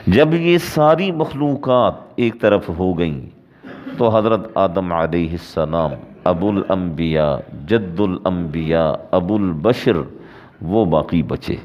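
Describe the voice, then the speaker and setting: A man with a Pakistani Urdu accent preaching a religious story, with measured delivery and slow scripture recitation. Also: on the low side, a little mellow. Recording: dull lo-fi recording.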